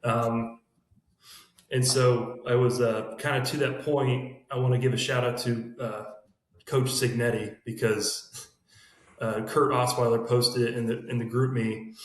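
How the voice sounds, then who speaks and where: A man talking fast in a casual team podcast chat, recorded in an emptied room with an echo. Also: medium pitch, flat delivery. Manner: talks fast in long run-on thoughts. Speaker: sales team member. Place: room emptied out with bare walls. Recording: echoey bare room.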